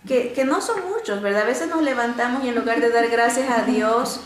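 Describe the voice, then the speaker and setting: A woman teaching a Bible lesson through stories, animated and often pausing on "este" and restarts. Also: echoey room. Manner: animated storytelling, often rising in pitch to act out quotes; frequent filler "este" and restarts.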